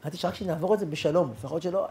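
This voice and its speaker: A man's voice: fairly high pitch, fairly even intonation, a little mellow. A man, a rabbi, telling a personal story in a sermon, acting out the dialogue and adding sound effects.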